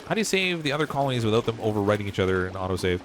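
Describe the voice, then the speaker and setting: Faint music plays behind a man with a lowish voice who speaks very fast and very animatedly while streaming a game. He rambles as he thinks, laughs frequently, and his voice is clearly giving out.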